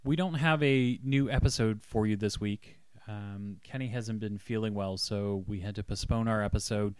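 A man hosting a podcast in a casual, hesitant way, often pausing as he finds his words. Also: on the low side, smooth, dry recording. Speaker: podcast host.

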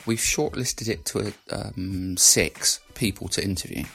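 A man with a croaky morning voice, talking casually and conversationally as a solo podcast host. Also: lowish voice, measured pace, a bit bright. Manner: conversational, rhetorical questions.

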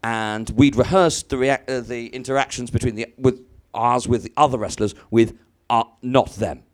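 A man from Bangladesh, a guest on a podcast, telling a story in a halting, hesitant way. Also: mid-range voice, steady tone. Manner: halting, many fillers and restarts, laughs at own stories. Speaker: comedian guest. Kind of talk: casual anecdote.

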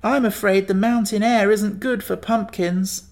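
A reader voicing a timid, gloomy pumpkin-headed man who moans his words slowly. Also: mid-range voice, fairly even intonation, pitched above the performer's own voice, lightly acted. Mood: moaning. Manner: slow moaning delivery.

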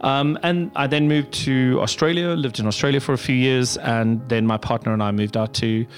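The executive director of a pride center, a middle-aged man with a South African accent, speaks at a mid-range pitch and normal speed. He responds to the interviewer thoughtfully, often using fillers and starting over.

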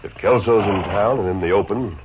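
An actor playing a calm, commanding masked lawman of the Old West in measured 1950s radio western style. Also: fairly low pitch, natural voice. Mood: calm, decisive. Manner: measured, authoritative. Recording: muffled, hissy 1950s radio recording.

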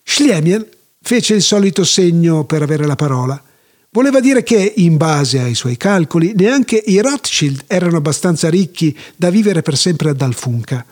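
A man narrating a folk tale in a measured, even storytelling manner. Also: a little high.

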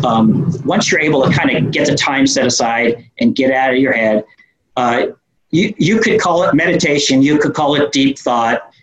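A man with a New York accent talks like an interview guest who runs a business. His delivery is informal and explanatory, at a middling pitch. The recording has a clearly echoey room sound. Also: a bit bright. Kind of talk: conversational interview answers.

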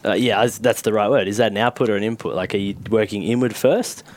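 A man's voice: fairly low pitch, fairly even intonation, quick pace. A man co-hosting a casual podcast chat in a joking, teasing manner. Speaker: podcast co-host.

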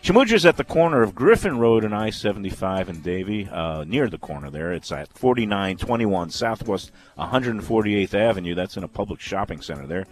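American sports radio guy, kinda low voice but super animated up and down, rambly n opinionated. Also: a little fast, few pauses. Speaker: sports radio co-host and sponsor pitchman. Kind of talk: animated casual sports talk radio chat.

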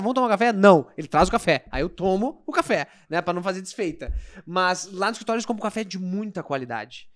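A man hosts a casual interview and talks quickly. His delivery is relaxed and conversational. His voice sits a little high. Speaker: host.

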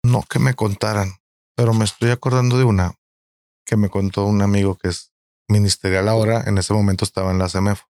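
Guy, low flat voice, chill storytelling. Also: dry recording. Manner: relaxed, slow retelling of a friend's story. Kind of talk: casual storytelling.

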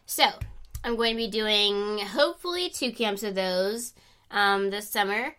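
A woman's voice: mid-range voice, unhurried, sharp tone, smooth. A young teenage girl co-hosting a casual podcast, chatty and rambling, with fillers and giggles. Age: teens. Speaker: podcast co-host. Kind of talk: casual chat.

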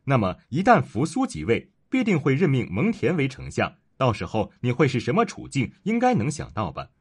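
A man voicing a cunning, scheming court official who talks persuasively and insinuatingly, in a husky voice. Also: mid-range voice, wildly swooping pitch, a little fast, heavily acted.

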